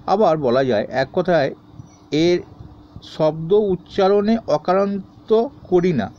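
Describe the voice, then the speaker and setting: Mellow-voiced man teaching a grammar lesson. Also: high voice, slow, dull audio. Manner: reads questions then answers in a steady explaining tone. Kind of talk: recorded grammar lesson for students.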